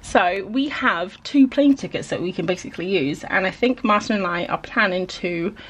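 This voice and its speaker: A young woman talks through viewer questions in a loose, rambling vlog voice-over. Her voice is slightly husky, sitting at an ordinary pitch, and she laughs at herself and fills gaps with "like" as she goes. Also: normal speed. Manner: rambling, self-deprecating, with frequent "like" fillers. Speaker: illustrator answering viewer questions. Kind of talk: casual chatty vlog voice-over.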